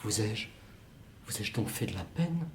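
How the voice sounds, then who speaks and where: A young adult student actor gives a very animated solo reading as a lover who anxiously pleads, stammering and going over the same words. His lowish voice runs a little slow. Slight background noise sits under a roomy echo.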